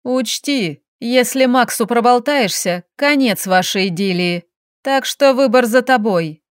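A woman's voice: on the high side, lively intonation, unhurried, dry recording, studio quality. A woman voicing a scheming, spiteful young female colleague with a scornful, mocking manner in an audiobook.

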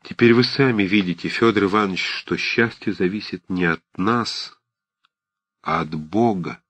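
Man reading a quiet serious young woman, low husky voice, gentle but firm. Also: normal speed, no echo. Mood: resigned. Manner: quiet, earnest, restrained. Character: pale, tired young woman, gentle and resolute.

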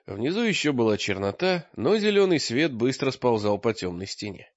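A man reading an audiobook in expressive scripted narration, recorded with a dull lo-fi sound. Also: medium pitch, normal speed, dry recording. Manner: lively, expressive storytelling.

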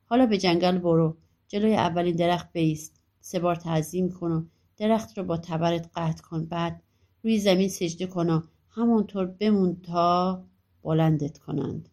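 A woman voicing a helpful magical dwarf who gives calm instructions in a storybook. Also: on the low side, natural voice. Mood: instructing. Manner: instructing, matter-of-fact.

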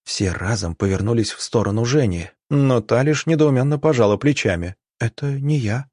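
A man narrating an audiobook in a steady storytelling manner. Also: medium pitch, a little fast, no room sound, clean studio sound.

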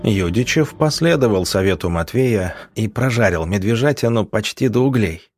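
Low-voiced male audiobook narrator. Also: animated, normal speed, darkish tone, breathy edge, soft background music.

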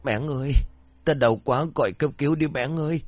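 A man's voice: on the high side, brisk, dry recording, voice pushed up, close to an everyday voice. A man doing a young pregnant wife, faint and pleading. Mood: pained.

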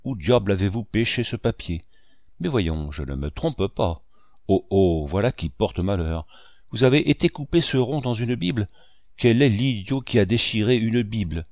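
A man's voice: lowish voice, normal speed, no echo, studio quality. A man reading a sly, mocking pirate captain. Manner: calm, mocking, drawling. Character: cunning one-legged old pirate captain, sly. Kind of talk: audiobook reading.

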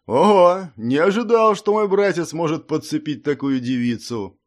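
A man voicing an arrogant, sneering young noble heir who mocks and laughs in a higher, louder voice. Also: very animated, measured pace. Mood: leering. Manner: mocking, laughing, leering.

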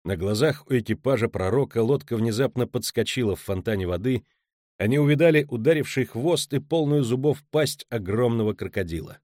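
A man narrating an audiobook with a steady, dramatic reading. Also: medium pitch, a little fast, no room sound, studio quality. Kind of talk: scripted narration.

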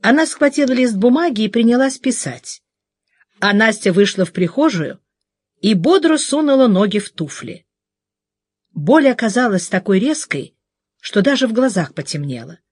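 Expressive woman audiobook narrator. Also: on the high side, normal speed, slightly rough, no echo, clean studio sound. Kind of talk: scripted narration.

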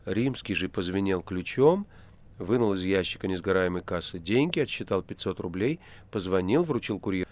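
A man narrating an audiobook in an expressive reading voice. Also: sits low, moderate pace. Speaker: audiobook reader. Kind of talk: literary narration.

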